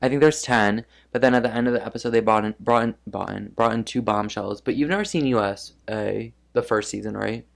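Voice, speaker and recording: A woman chatting casually as a podcast guest, animated and gossipy with quick asides. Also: rumbling low, gravelly. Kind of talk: casual chat.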